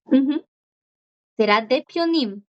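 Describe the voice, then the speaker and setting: A woman teaching a Korean class, who repeats words slowly and keeps checking in with her students. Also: high voice, expressive. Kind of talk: online class explanation. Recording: dull lo-fi audio.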